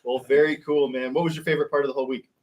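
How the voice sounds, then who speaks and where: Mid pitched guy co-hosting, firing off quick friendly questions. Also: flat delivery, a little mellow. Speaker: co-host interviewer. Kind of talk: casual interview questions.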